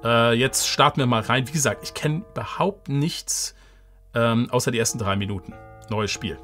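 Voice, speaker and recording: Ein Mann, der locker und laut denkend ein Spiel im Livestream kommentiert, mit vielen Ähs. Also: male voice, mid-range voice, normal speed, a bit bright, faint music behind. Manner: chatty, hesitant fillers, thinking aloud. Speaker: let's player, livestream host. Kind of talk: casual live gameplay commentary.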